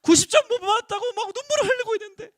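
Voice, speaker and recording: A man voicing a sulky teenage student who frets over bad test scores, in a high, mocking voice. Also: very fast, no room sound.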